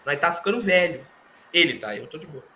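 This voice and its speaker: A man with a Brazilian Portuguese accent co-hosting a podcast, retelling events in animated casual chat full of slang and fillers. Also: on the high side, fairly quick. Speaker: podcast co-host. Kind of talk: casual wrestling recap chat.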